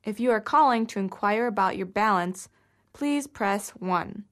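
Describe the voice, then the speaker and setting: Female actor as official greeter, formal scripted announcements, medium pitch. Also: unhurried, a bit bright, lightly acted. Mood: polite, official. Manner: formal, clearly scripted delivery. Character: institutional greeter: bank phone menu, college admissions guide. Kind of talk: scripted test-audio announcement.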